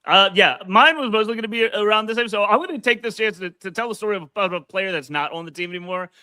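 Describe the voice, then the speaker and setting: Bright-voiced man telling a story. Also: high-pitched, quick pace, clean tone, no room sound. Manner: hesitant storyteller with fillers. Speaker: podcast co-host. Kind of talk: casual sports podcast chat.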